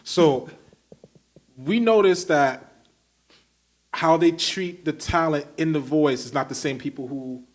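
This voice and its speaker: A man's voice: on the high side, takes it slowly, pauses often. A man from Brooklyn hosting a podcast, asking long, enthusiastic, rambling questions in casual conversation. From Brooklyn, New York. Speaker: podcast host. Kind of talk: casual interview chat.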